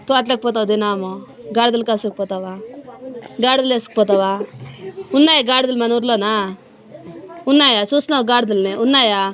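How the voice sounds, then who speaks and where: A woman tuition teacher, scolding and teasing a crying child. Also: fairly high pitch. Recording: noisy room with children around.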